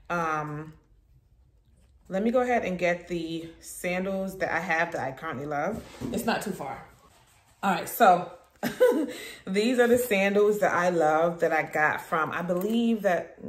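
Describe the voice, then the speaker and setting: In a home vlog with roomy echo and some background noise, a female lifestyle vlogger speaks to viewers in an animated, lowish voice at a measured pace, often going back over the same phrases.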